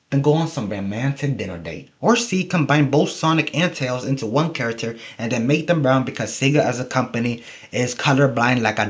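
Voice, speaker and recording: Jokey man who can't say his R's. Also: medium pitch. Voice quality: trouble pronouncing R, says w-like sound for r. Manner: rambling, jokey, self-interrupting. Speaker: video host. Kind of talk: casual humorous video commentary.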